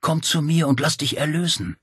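A man voicing a calm, persuasive male cult leader who coaxes and quietly threatens. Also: fairly high pitch, normal speed, no echo, studio quality, voice pushed up. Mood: coaxing. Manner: smooth, coaxing, quietly menacing.

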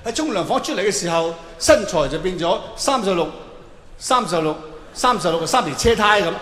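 Performing stand-up, a man with a high-pitched voice and lively intonation talks fairly quickly, playing up a theatrical routine of tongue-in-cheek earnest advice. A reverberant hall gives long echoes, and noise is clearly heard.

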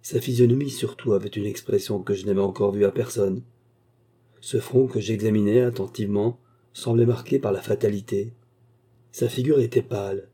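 A man reading a classic short story aloud as an audiobook narrator, measured and even. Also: on the low side, slightly rough. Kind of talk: scripted narration of classic fiction.

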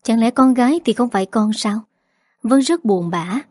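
A woman narrating a story in a steady, earnest storytelling voice. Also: a little high, normal speed, dry recording, clean studio sound.

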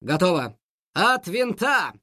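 A man's voice: high-pitched, expressive, normal speed, fairly bright tone, no echo. A bold, decisive cat leader, played by a man who barks out orders in a slightly raised voice. He sounds dry and close. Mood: determined.

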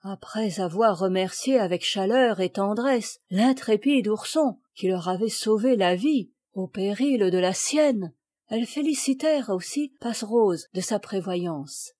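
A woman's voice: expressive, unhurried, dark tone. A woman reading a classic children's fairy tale aloud as an audiobook, lifting her voice for the characters' cries. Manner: acts out the characters' cries with raised pitch and volume. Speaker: audiobook reader.

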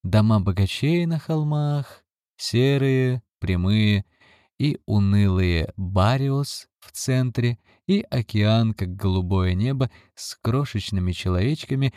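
Man, audiobook narration, measured, low voice, dry close mic. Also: warm tone, dry recording.

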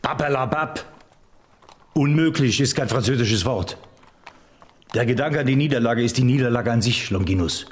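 An actor playing Napoleon, a megalomaniac French emperor, grandiose, imperious and mocking, in a radio drama. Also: male voice, mid-range voice, normal speed, pauses often, natural voice.

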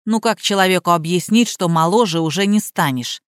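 A woman's voice: on the low side, fairly quick, dry recording, studio quality, voice pushed down, natural voice. A woman voicing a curt, irritable young man who barks his words, in an audiobook. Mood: scornful. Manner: harsh, barking.

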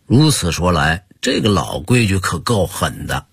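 Beijing-accented man for a radio host, husky, very animated pitch, storyteller delivery. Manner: lively storyteller, drawn-out emphasis. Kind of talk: storytelling radio talk on old customs.

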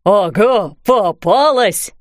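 A woman voicing a playful talking dustpan in a children's storybook, with a dusty, drawn-out voice. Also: medium pitch, animated, dry recording, studio quality. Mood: gleeful. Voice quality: dusty, slow.

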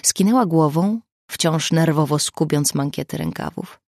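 A woman narrating a crime novel audiobook in a measured, even storytelling manner, close to the mic. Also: deep voice, dry recording. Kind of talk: scripted narration.

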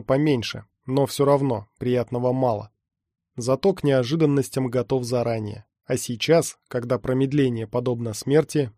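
Sex: male. Role: audiobook narrator. Style: scripted first-person narration. Timbre: dark, mellow. Sound: dry studio. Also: mid-range voice, no echo. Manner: steady first-person storytelling.

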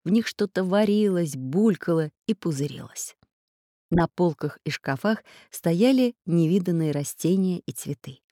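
Lively woman reading a children's story. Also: lowish voice, measured pace, no room sound, studio quality. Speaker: audiobook narrator. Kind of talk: storybook narration.

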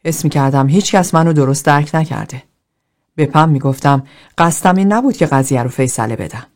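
A woman doing a cold, detached man. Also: sits low. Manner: flat, unemotional, indifferent.

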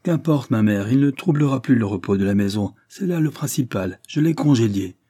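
A man's voice: mid-range voice, lively intonation, brisk, mellow, no echo, studio quality, natural voice. A man reading an audiobook, voicing a hot-tempered young captain who speaks in a furious, curt way.

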